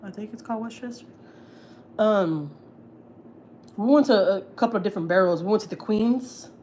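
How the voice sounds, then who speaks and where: A Houston, Texas woman hosts a casual livestream from home, rambling in frank slang and fillers as she reads viewer comments. Her voice is medium-pitched and darkish, at a moderate pace, with slight background noise.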